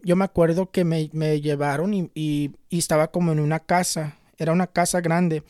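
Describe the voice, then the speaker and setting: Mellow young man, earnest storytelling. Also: fairly high pitch, steady tone, no room sound, studio quality. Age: 20s. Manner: earnest, unhurried, often restarts and repeats words. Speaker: tarot reader and spiritual healer. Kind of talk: casual personal storytelling to camera.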